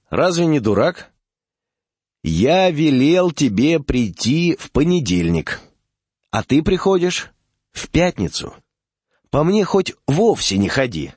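A man's voice: mid-range voice, darkish tone, breathy edge, no room sound, voice pushed up, heavily acted. A man reading the part of an impatient country doctor who scolds and mocks his patients. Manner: mocking, scolding. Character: gruff rural male doctor, impatient and scolding.

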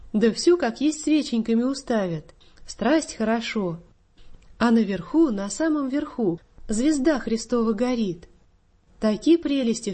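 Brief: a doting, tipsy peasant mother full of folksy pet names, slightly high voice, as a woman reader puts her on. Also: dark tone.

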